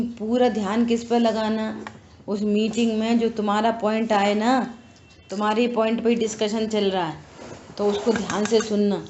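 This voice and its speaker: Earnest woman scripture teacher, slightly high voice, unhurried, dull echoey room recording. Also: a little mellow. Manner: slow, earnest explaining with rhetorical questions. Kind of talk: religious scripture class.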